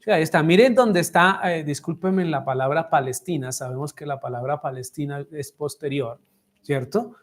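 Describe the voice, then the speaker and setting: A man with a Colombian accent, a messianic pastor teaching a Bible study to a class and asking them frequent questions. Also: on the high side. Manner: asks the class frequent questions, measured and deliberate. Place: congregation room with listeners.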